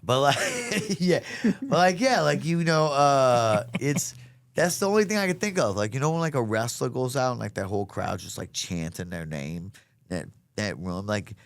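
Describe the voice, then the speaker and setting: A man's voice: medium pitch, lively intonation, moderate pace, vocal fry, dry recording. A man chatting casually as an interview guest, earnest and emphatic, with plenty of slang. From south Louisiana, United States. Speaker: comedian being interviewed. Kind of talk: casual chat.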